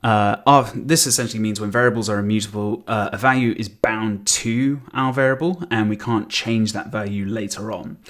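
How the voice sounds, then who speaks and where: A man's voice: fairly low pitch, normal speed, hardly any pauses, fairly bright tone. A man in his thirties teaching programming, thinking aloud with frequent ums and self-corrections as he types. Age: 30s. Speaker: programming tutor. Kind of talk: screen-recorded coding tutorial.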